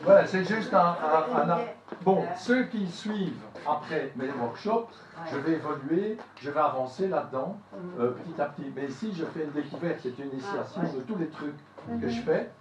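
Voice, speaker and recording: Man, voice teacher, high and very lively voice, echoey hall, heard from a distance. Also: moderate pace, a crowd in the background. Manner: demonstrates sounds with sweeping pitch leaps, mixes in English. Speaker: voice workshop teacher. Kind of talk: leading a voice workshop. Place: theater hall.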